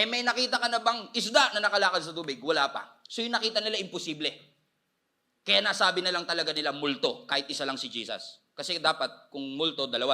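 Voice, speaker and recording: A man from the Philippines preaching a sermon as pastor, animated and switching into English, with loud shouted peaks. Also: on the high side.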